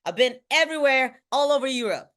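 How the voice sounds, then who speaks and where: A Bulgarian motivational speaker and team trainer delivers a brisk, energetic talk to a group over a video call. Her pitch swings high and low, and she closes almost every point with "right?"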